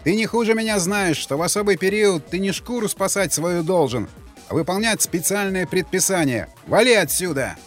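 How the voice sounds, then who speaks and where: Man doing a stern army officer, loud barked orders, raised pitch, audiobook. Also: lively intonation, normal speed, soft background music. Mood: commanding shout. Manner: barking orders. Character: stern male military officer at the gates.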